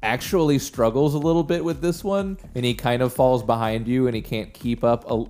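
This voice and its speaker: A man's voice: mid-range voice, brisk, a little mellow. Man narrating a game over faint music. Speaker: game master. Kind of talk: casual tabletop game narration.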